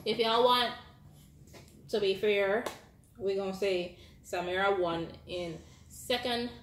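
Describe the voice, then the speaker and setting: A woman's voice: mid-range voice, takes it slowly. A young woman chatting casually and playfully as host of a home challenge video, picked up by a camera across the table. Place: home dining room, indoors. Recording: echoey room with background noise.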